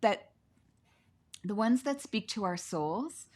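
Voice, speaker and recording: A woman's voice: mid-range voice, animated, slow, darkish tone. A woman hosting an interview over a video call, talking in an effusive, gushing way, often saying "like" and laughing. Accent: Canadian. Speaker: podcast host. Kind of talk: warm conversational interview. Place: sitting on the floor at home.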